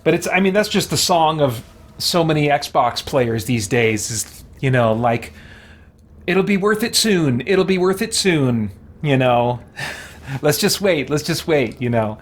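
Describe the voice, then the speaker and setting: Unhurried and lively in his intonation, a man with a slightly high voice hosts a livestream, talking casually and reasoning aloud during gameplay. Game sounds and character voices play behind him.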